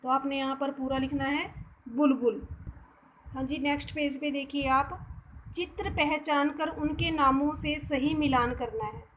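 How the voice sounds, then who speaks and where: Woman teacher, high voice, very slow, patient phonics lesson, faint background noise. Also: fairly even intonation, fairly bright tone, poor audio. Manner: spells words out syllable by syllable, patient; mixes English words into Hindi.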